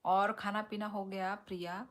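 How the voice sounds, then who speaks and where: A woman hosting a casual live stream, reading out viewer comments and answering them in an unhurried, teasing way. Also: medium pitch, flat delivery, fairly bright tone.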